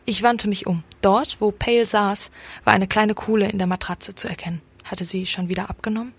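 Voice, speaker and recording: A woman reading a first-person story aloud in a calm, measured way. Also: mid-range voice, breathy edge. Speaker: story reader. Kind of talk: scripted story narration.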